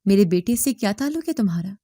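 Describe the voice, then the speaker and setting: Story figure: stern scolding father, dark tone, dry read, woman narrator doing the lines. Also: medium pitch, animated, dry recording, natural voice. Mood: harsh. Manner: scolding, bitter. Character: angry stern middle-aged father, harsh husband.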